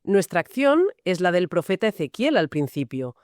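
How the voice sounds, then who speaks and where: A woman's voice: lowish voice, very animated, normal speed, a little mellow, no room sound, studio quality. A woman from Spain co-hosting a Bible study podcast, asking and clarifying points. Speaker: podcast co-host.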